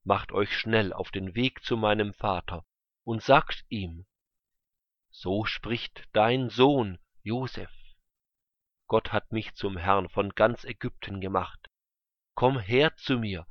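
A man voicing Joseph, a powerful man forgiving his brothers, speaking slowly and earnestly. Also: on the low side, no room sound. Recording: dull lo-fi recording.

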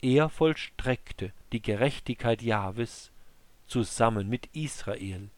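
A man reading scripture aloud in a measured, solemn recitation, like an audiobook narrator. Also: mid-range voice, no echo.

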